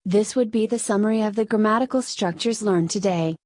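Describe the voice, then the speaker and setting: A Spanish woman, a native Spanish speaker, explaining Korean grammar in English with a Spanish accent, in steady step-by-step scripted narration. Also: medium pitch, fairly quick, no room sound. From Spain. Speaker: Korean language teacher.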